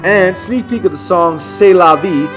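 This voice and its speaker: A man's voice: high-pitched, unhurried. A man giving scripted, upbeat news narration as host of a local music show, speaking over a voice-over.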